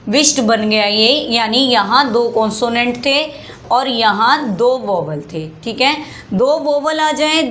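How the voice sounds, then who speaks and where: A woman teaching English spelling rules in a slow, patient lesson, repeating words and asking rhetorical questions. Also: a little high, fairly bright tone.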